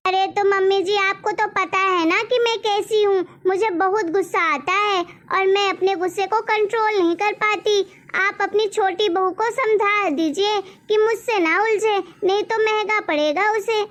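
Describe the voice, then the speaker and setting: A woman's voice: very high-pitched, fairly even intonation, unhurried, hardly any pauses, fairly bright tone. A woman voicing a quarrelsome, hot-tempered eldest daughter-in-law in a cartoon story. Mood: angry. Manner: angry, threatening, self-pitying.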